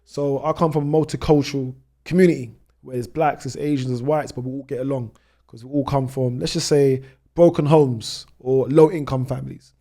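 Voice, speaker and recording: A British man in his thirties, a travel vlogger, tells his own story as a podcast guest, chatting with frequent "you know" asides. His mellow voice sits at medium pitch with a steady tone and runs a little fast.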